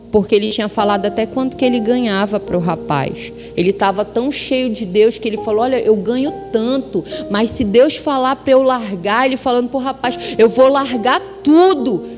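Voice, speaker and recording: A Brazilian woman giving a sermon testimony, telling her story with lively acted-out dialogue. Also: medium pitch. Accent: Brazilian Portuguese. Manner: animated storytelling, acting out dialogue. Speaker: pastor's wife preaching. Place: church hall with worship music behind. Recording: long hall reverb, music underneath.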